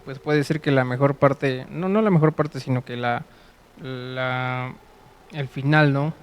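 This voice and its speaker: A man taking part in a faith conversation, soft-spoken and hesitant, with many fillers. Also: mid-range voice, fairly even intonation, slow pace, clean tone, poor audio. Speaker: co-host in a faith discussion. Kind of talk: casual religious conversation.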